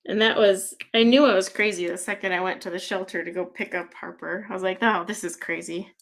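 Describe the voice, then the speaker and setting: A woman's voice: medium pitch, steady tone, quick pace, slight background noise. Chatty woman rambling with frequent laughs. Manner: many fillers like "like" and "um". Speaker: livestream host. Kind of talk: casual chat while crafting.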